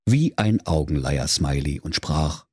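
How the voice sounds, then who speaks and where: A man's voice: a bass voice, expressive, unhurried, darkish tone, husky, no room sound, clean studio sound. A man narrating a comic fairy tale in a playful storyteller tone. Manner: storyteller tone, playful, addresses children.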